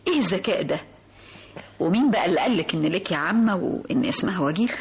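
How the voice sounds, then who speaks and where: An actress playing an effusive middle-aged aunt in an old radio drama, with an Egyptian accent and a gushing manner. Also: female voice, fairly low pitch, expressive, very fast, breathy edge, heavily acted. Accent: Egyptian Arabic. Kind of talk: vintage radio drama acting.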